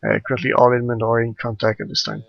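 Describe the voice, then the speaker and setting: A man's voice: mid-range voice, level tone, creaky, lo-fi sound. A man giving terse, procedural military radio commands as a squad leader during an online game. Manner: terse, procedural, pausing with uhs. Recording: noisy, gunfire behind the voice.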